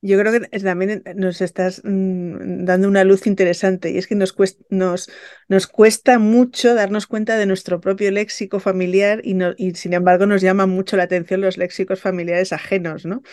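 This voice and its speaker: A woman's voice: mid-range voice, flat delivery, moderate pace, a little mellow, no room sound. Woman host, chatty and curious, dry sound, no room. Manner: curious, prompting, laughs easily. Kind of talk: casual chat.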